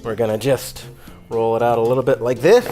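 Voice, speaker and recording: A man's voice: mid-range voice, brisk, over music. A man hosting a casual, comedic cooking lesson in a loose, rambling drunk manner, irreverent and a little profane. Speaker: cooking video host. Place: home kitchen.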